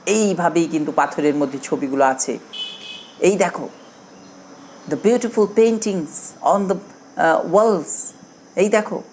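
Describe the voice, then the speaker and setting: Slow-spoken woman teacher. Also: fairly low pitch, a little mellow. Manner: slow, spells words out letter by letter. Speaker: primary school teacher. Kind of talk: classroom English lesson.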